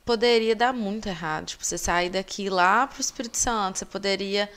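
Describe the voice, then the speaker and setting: A woman interviewing a guest on a podcast in a relaxed, chatty way. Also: mid-range voice, brisk, crowd noise. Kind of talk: casual podcast chat.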